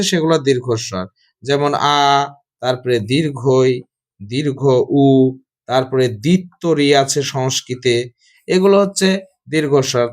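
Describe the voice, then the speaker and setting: A man. He talks slowly and patiently, repeats each point and puts questions to his students before answering them himself. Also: a little high. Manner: slow, explanatory, repeats and quizzes students. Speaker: teacher. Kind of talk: Sanskrit grammar lesson.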